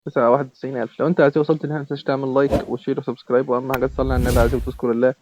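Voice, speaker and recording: A young man with an Egyptian accent commentating his own football video game matches, excitable and repeating words in bursts. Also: mid-range voice, very fast, background noise. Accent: Egyptian Arabic. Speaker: gaming YouTuber. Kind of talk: live gameplay commentary.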